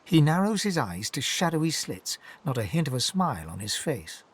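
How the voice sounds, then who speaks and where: An actor playing the narrator of a fantasy video game, giving dramatic scripted descriptions. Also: male voice, fairly high pitch, very animated, normal speed, husky. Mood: measured, descriptive.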